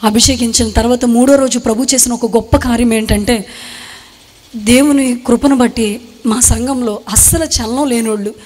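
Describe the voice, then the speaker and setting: Young woman, kinda high voice, earnest halting testimony, long echo like a big hall. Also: steady tone, a little mellow. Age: young adult. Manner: earnest, halting retelling in short phrases. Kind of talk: emotional spoken testimony.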